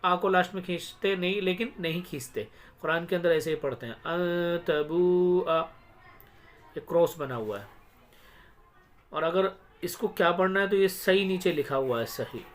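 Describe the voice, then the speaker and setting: Man teaching slow Quran recitation. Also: high voice, expressive, fairly bright tone. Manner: recites each word slowly and drawn out, then explains briskly; asks the learner quick check questions. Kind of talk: step-by-step recitation lesson.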